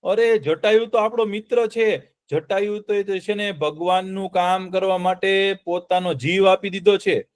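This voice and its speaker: A clever young prince in a children's tale speaks earnestly and with friendly ease, as a man voices him. The voice is high for a man. It is close to the storyteller's own voice. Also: fairly even intonation, a little slow, few pauses, clean tone, dry recording.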